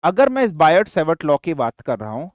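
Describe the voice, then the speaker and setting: A man's voice: fairly high pitch, big pitch swings, normal speed, no room sound. An older man teaching a physics class online, repeating questions to his students, with a dry throat. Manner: addresses students as beta, repeats questions, mixes Hindi and English.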